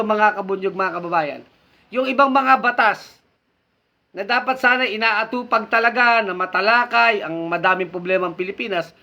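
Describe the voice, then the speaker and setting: Fiery high-voiced Filipino male commentator. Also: sharp tone. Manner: fiery, scornful and insulting, often rising to indignant emphasis; keeps addressing his audience directly with repeated rhetorical questions. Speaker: online political commentator and show host. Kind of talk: livestream commentary reading viewer comments.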